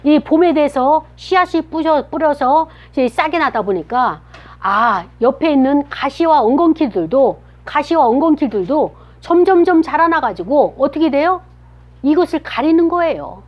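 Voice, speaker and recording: A woman's voice: high-pitched, expressive, normal speed. A woman giving a children's sermon, telling a story and asking the children questions as she goes. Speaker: children's pastor. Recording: dull lo-fi recording.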